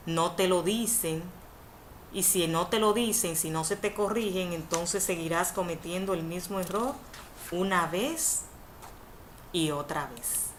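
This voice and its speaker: Female facilitator, lowish voice, patient didactic webinar delivery, faint hiss behind. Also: fairly bright tone. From Dominican Republic. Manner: didactic, repeats definitions, self-corrects with "perdón". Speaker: university course facilitator. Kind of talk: webinar lecture on Spanish spelling. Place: indoors, online video conference. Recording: faint background noise, webinar audio.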